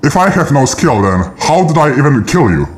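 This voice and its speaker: Smug gamer through a voice changer. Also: male voice, on the high side, very animated, fairly quick, crowd noise. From Poland. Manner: smug, taunting, unbothered. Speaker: gamer trolling in voice chat. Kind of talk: in-game voice chat.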